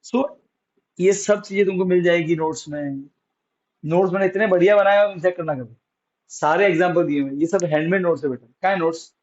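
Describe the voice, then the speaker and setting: A man teaching physics to a class, with a fairly high voice. He keeps asking questions, then answers them himself in a coaxing way. The classroom recording sounds dull and lo-fi. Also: brisk, darkish tone. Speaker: science teacher.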